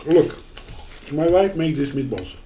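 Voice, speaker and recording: A man's voice: a little high, expressive, unhurried, dark tone, slight background noise. A man from the Balkans, chatting and joking at a dining table with his mouth full of food. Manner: joking, teasing. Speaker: co-host, husband of the host. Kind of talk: casual mukbang chat. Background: music playing.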